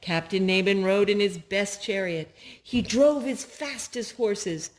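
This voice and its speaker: An older woman with a mid-range voice reads a children's story aloud as a storyteller. She uses simple, deliberate phrasing suited to young listeners.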